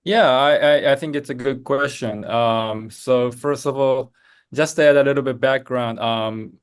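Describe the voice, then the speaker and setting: A man's voice: medium pitch, fairly even intonation, a little slow, clean tone. A middle-aged man from Japan, whose first language is Japanese, answering interview questions as a consultant, thoughtful, hesitating often as he works through examples. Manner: thoughtful, builds answers from stories, frequent hesitations. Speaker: lean management consultant, guest. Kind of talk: podcast interview.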